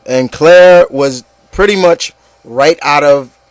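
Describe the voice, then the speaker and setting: Hosting a movie opinion show, a man with a slightly high voice talks at a slow pace in a dry recording. He keeps it informal and conversational with listeners and co-hosts, whom he calls guys.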